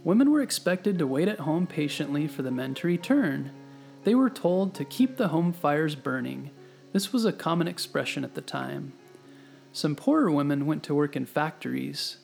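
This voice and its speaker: A man with a slightly high, somewhat creaky voice reads a bedtime history story for children. His delivery is gentle and explanatory, addressed straight to the listener. Music plays clearly behind him. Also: lively intonation, moderate pace. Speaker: host and narrator of a children's bedtime history show. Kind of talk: scripted storytelling narration for children. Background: background music.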